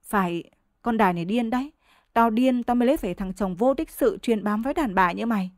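A woman voicing a fed-up, sharp-tongued peasant wife who scolds and curses her husband in a storybook reading, in a dry, close sound. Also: fairly quick, no room sound, natural voice. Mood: furious scolding. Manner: shrill scolding, cursing loudly.

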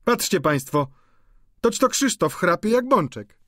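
A man voicing a pert young female servant with a high, cheeky way of talking. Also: very animated, measured pace, a bit bright, dry recording, clean studio sound, exaggerated voice.

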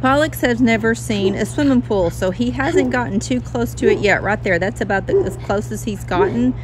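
Filming on a phone held at arm's length, a vlogger gives a chatty home tour that moves from her outdoor patio into her house. She speaks at a moderate pace and uses a high, sing-song tone when talking to her dog, all against a noisy background.

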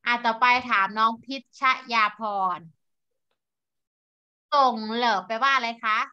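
Bright patient woman teaching young children. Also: a little high, fairly even intonation, clear, resonant tone. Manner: patient, spells sounds out slowly for children. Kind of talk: online classroom lesson. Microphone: video call. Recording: dull lo-fi online call audio.

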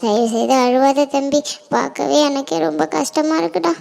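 A woman voicing a grieving mother who pleads softly with her crying son in a homemade cartoon. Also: sits high, moderate pace, creaky. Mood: tearful pleading. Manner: pleading, soft and tearful.

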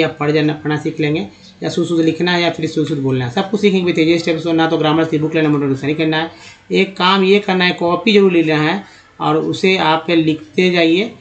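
A man giving a spoken English lesson. He reads words out slowly one by one, then explains them. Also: on the high side, steady tone. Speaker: English teacher. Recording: dull lo-fi sound.

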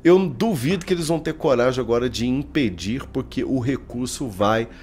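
Background noise accompanies this mid-range voice speaking at normal speed: a thirtyish man with a Brazilian Portuguese accent offering informal political opinions. Colloquial and emphatic, he addresses viewers head-on from a small indoor home studio via a desk microphone.

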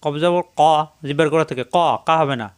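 A man teaching Quran reading, spelling each syllable slowly and then chanting the verse in a raised voice. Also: on the high side, clear, resonant tone. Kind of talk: spelling-out recitation lesson.

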